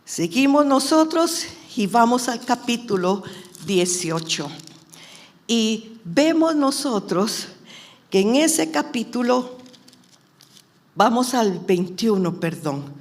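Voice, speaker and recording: A woman preacher giving a sermon, moving between hushed whispers and loud shouted declarations, and mixing in her own testimony. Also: a little high, sing-song, slow pace. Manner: personal testimony.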